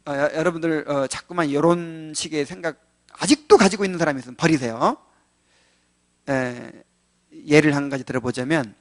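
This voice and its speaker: A man preaching as a pastor, teaching a catechism lesson to his congregation. He talks in a conversational way, asks the listeners rhetorical questions, and moves between loud, pressing lines and quiet asides. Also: mid-range voice. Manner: many fillers and restarts, swings from loud to quiet. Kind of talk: catechism lecture sermon.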